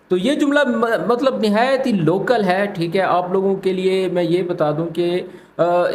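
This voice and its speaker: Brief: man, high-pitched, patient lesson host, recorded in an echoey room. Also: slight background noise. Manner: patient, explanatory, repeats phrases slowly. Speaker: Arabic teacher, channel host. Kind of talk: language lesson explanation.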